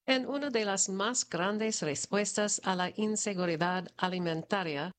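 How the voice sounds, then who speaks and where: Woman reading the news slowly. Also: mid-range voice. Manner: measured, even reading of prepared copy. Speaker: news reader. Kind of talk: read news report.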